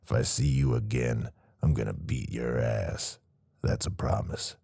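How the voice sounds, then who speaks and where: A man's voice: very deep voice, steady tone, unhurried, creaky, warm tone, husky, dry recording, studio quality, pitched below the performer's own voice, heavily acted. A man voicing a crude, menacing male small-time criminal in an audiobook, swearing and sneering. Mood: threatening. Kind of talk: audiobook character voice.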